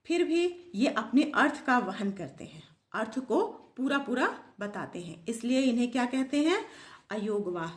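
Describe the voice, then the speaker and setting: A woman with a fairly high voice teaches a grammar lesson. She poses questions to her pupils and answers them herself in a repeating drill. Her voice rings in an echoey room. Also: sing-song, unhurried.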